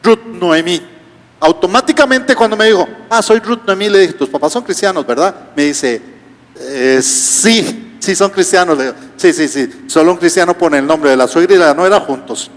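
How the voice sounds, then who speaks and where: A man's voice: high-pitched, moderate pace. A male pastor, preaching a sermon with rhetorical questions and humorous asides. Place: church auditorium. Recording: reverberant church hall.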